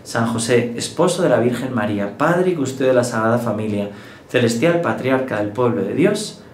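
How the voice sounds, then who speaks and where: Conversational priest in an echoey room. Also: male voice, medium pitch, animated, moderate pace. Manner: gentle, conversational preaching with tag questions. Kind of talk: daily devotional sermon with a told joke. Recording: echoey room with faint ambient noise.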